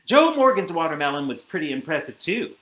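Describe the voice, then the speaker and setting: A man reading a children's picture book aloud, with animated storytelling and asides to a listener. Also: a little high, a little fast, roomy sound, rough recording.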